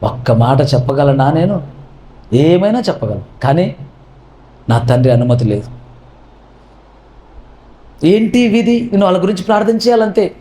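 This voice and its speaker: A pastor, a man with a slightly high but mellow voice, preaches with fervour. He keeps pressing his listeners with repeated rhetorical questions. The sound carries a roomy echo. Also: very animated, moderate pace, pauses often. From India. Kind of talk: sermon.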